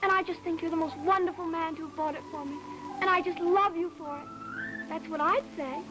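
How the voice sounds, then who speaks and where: High, quick, chattering young girl. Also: steady tone, music in the background, low-quality recording. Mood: dreamy, gushing. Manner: earnest, inquisitive, chattering. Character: talkative, romantic-minded girl, devoted daughter. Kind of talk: 1950s TV family drama acting.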